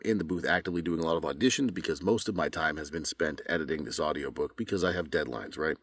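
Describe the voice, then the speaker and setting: A man's voice: low-pitched, fairly bright tone, no room sound. A man who works as a voice actor, chatting casually from his home booth, rambling with many fillers and restarts. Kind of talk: casual vlog talk.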